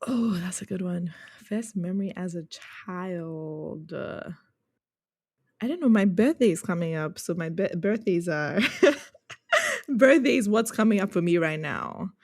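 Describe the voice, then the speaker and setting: This podcast guest, a user experience researcher from Ghana who grew up in Accra, offers conversational, reflective answers in a lowish, darkish voice with big pitch swings. She's unhurried. The sound is studio quality, with no echo.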